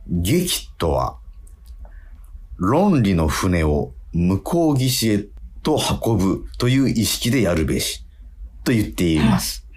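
This low-pitched, slightly mellow male radio host swings widely in pitch as he asks quiz questions in a casual talk. He repeats himself haltingly and slows to emphasize key phrases.

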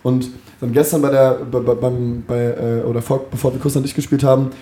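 A man's voice: mid-range voice, level tone, fairly quick, mellow, echoey room. A young man telling a rambling, slangy story in a casual podcast chat from a backstage dressing room. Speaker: podcast co-host.

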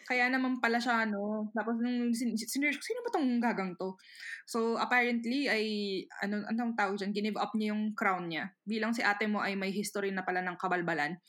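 A woman's voice: medium pitch, steady tone, fairly bright tone. A woman co-hosting a casual podcast chat, telling gossip in a mocking tone. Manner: gossipy, mocking, quick to agree. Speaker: podcast co-host.

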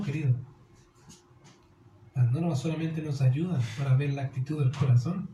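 Echoey, mellow-voiced male pastor preaching. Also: a little high, a little hiss or hum. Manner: earnest preaching, addressing listeners as "querido". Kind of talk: sermon.

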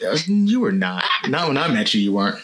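A man's voice: medium pitch, very animated, a little fast, a bit bright, a little hiss or hum. A man with a mid-range voice chats casually as a podcast co-host. He rambles in a loose, easygoing way and fills his sentences with "you know". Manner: rambling and easygoing, many fillers. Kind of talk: casual candid chat.

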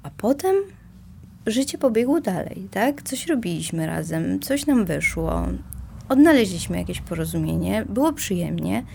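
A woman's voice: medium pitch, sing-song, normal speed, gravelly, darkish tone, slight background noise. A woman in casual conversation, talking reflectively and self-mockingly, with many hesitations and small laughs.

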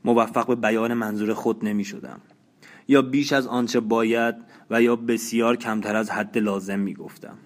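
A man reading a novel aloud as an audiobook, in slow, measured, even narration. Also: lowish voice. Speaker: audiobook reader.

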